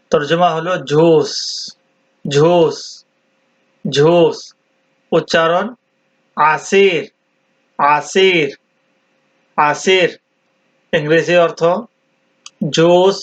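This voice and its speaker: A man teaching vocabulary, deliberately repeating each word several times. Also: fairly high pitch. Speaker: language teacher. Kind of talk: slow vocabulary drill. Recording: dull lo-fi sound.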